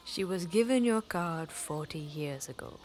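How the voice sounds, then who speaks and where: An actress playing a loyal, kindly Indian niece in an audio drama, respectful but firm, with an Indian accent. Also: female voice, fairly low pitch, expressive, measured pace, a little mellow, slight background noise. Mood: concerned, gentle.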